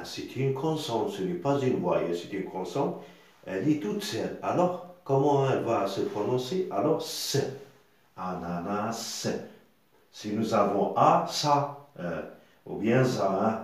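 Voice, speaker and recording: Male teacher, slow and low-voiced, patient and repetitive, recorded in a very echoey room. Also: a little mellow. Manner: repetitive, patient, sounds out syllables slowly with tags like hein. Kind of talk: spoken reading lesson.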